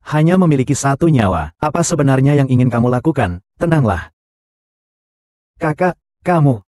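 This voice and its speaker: A man delivering every part of a dubbed drama in one flat, even voice that barely shifts from role to role. The tone is mellow and warm, and the close studio take is dry, with no room around it. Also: medium pitch, moderate pace, no echo, natural voice. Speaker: dub voice for all roles. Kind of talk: dubbed short drama dialogue.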